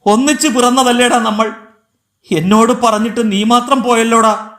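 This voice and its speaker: A man's voice: extremely high pitch, steady tone, normal speed, a bit bright, voice pushed up. A man voicing a grief-stricken man crying out in despair for his dead brother in an audiobook. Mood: wailing grief. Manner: crying out, desperate. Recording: echoey room.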